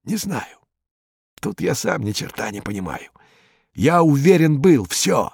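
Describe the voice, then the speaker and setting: A man voicing a frightened, superstitious male gangster informer who talks in a jumpy, rambling, pleading way, in a high, strained voice with a gravelly edge. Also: sing-song, a little slow, a little mellow, no room sound, heavily acted. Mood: sullen.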